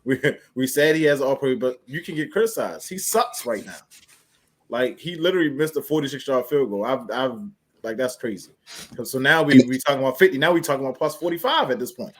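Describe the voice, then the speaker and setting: A man riffing in a relaxed sports talk with friends, quick on his words. He mocks and questions in an incredulous, ribbing way. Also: medium pitch.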